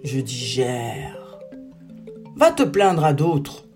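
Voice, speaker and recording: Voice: medium pitch, sing-song, a little mellow, soft background music, voice pushed down, heavily acted. A storyteller voicing a lazy, full-bellied cow who drawls out her refusals. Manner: slow, drawling.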